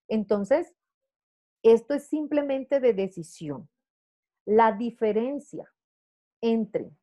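A woman, a sales director coaching consultants in an online training talk, lively and chatty, checking in with "¿verdad?" and "¿sí?". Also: medium pitch.

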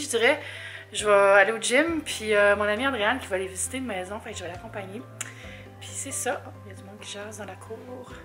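A woman's voice: a little high, bright, forceful tone. A young woman from Quebec with a Québécois accent, chatting casually in a vlog, rambling and laughing often, now and then dropping English words. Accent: Québécois French. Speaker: vlogger. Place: her apartment, indoors.

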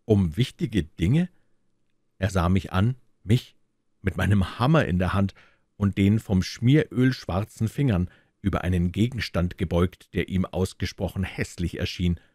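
Low-voiced man reading a storybook. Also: moderate pace, a little mellow, no room sound, clean studio sound. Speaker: audiobook reader. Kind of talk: scripted storybook narration.

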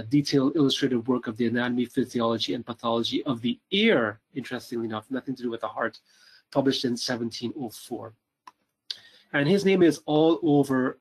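A middle-aged Canadian man gives a cardiology lecture at hospital rounds. His voice sits at a medium pitch. He talks haltingly, filling pauses with ums and uhs and repeating words as he works through his slides. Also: rough recording.

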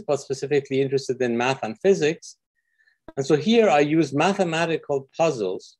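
Speaking from an office with windows, a middle-aged man from Iran teaches physics online via video call. His voice is mid-range and a little mellow, and his manner is warm and explanatory, peppered with fillers.

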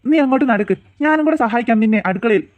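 A man's voice: very high-pitched, expressive. A man voicing an easygoing cartoon father who coaxes and teases his two daughters and his wife. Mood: teasing. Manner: jokey, coaxing, quick talk.

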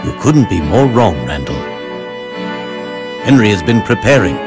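A man with an English accent playing a composed, courteous gentleman professor in an animated game. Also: on the low side. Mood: firm, explaining. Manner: measured, courteous, earnest. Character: composed, gentlemanly adult male professor and detective. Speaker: voice actor. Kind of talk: animated game cutscene acting. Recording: loud orchestral music behind.

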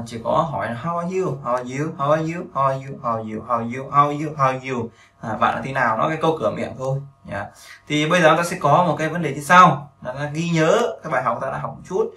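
A man with a Vietnamese accent, a native Vietnamese speaker teaching a beginner English lesson, who repeats phrases slowly to drill pronunciation. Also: medium pitch, bright, forceful tone, reverberant, far from the mic.

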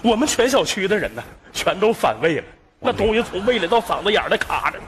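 An actor playing a complaining resident with a Northeastern Mandarin accent, whiny and theatrical. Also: male voice, sits high, sing-song, fast, a bit bright. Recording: stage with audience noise.

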